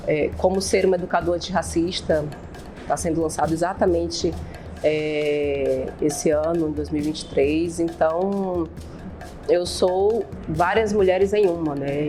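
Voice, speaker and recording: A woman with a Bahian Brazilian accent, a university professor speaking in an assured, measured documentary testimony. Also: low-pitched, dark tone. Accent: Bahian Brazilian Portuguese.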